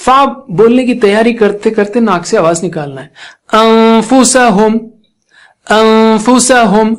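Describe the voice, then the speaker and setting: A man teaching Quran recitation rules in a patient, step-by-step lesson, slowly demonstrating and repeating each sound, with a Pakistani Urdu accent. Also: high voice, animated.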